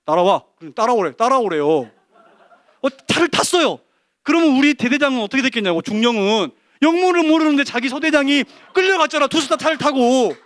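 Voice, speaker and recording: Fast, high-voiced man telling a story. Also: no room sound, studio quality. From Korea. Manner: animated storytelling with quoted dialogue. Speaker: church deacon giving testimony. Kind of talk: testimony talk at a church service.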